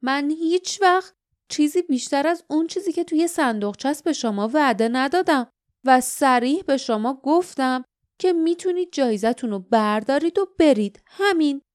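A woman's voice: sits high, lively intonation, voice pushed up. A woman voicing a scheming, greedy male guardian who mocks and snaps at his rivals in an audiobook. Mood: scornful. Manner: mocking, snapping retorts.

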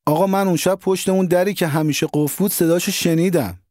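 Guy doing a shy young apprentice, quiet and hesitant, earnest, storybook reading, dry sound. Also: high-pitched, fairly even intonation, no room sound, voice pushed up, close to an everyday voice. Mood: earnest pleading.

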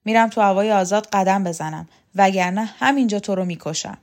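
A woman reading an audiobook, voicing a domineering, scornful woman who taunts and threatens loudly. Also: medium pitch, lightly acted. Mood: angry. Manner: loud, sharp, taunting. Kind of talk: audiobook character voice.

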